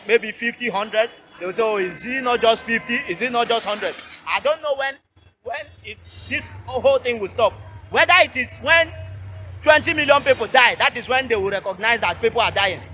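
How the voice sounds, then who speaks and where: A Nigerian man speaks in a high, bright voice, pressing each point with fervent repetition. He is interviewed outdoors by a road, and faint street noise sits behind him. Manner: impassioned, emphatic, repeats key phrases.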